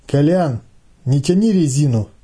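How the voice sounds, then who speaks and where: A man's voice: on the high side, expressive, measured pace, dark tone, slightly rough. A man voicing a cold blond teenage boy, leader of a camp gang, giving lazy, mumbled orders. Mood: impatient.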